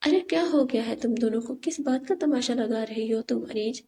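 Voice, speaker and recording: A woman voicing a defensive, quick-tempered young man in an audiobook story, speaking harshly. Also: fairly high pitch, dark tone, lightly acted.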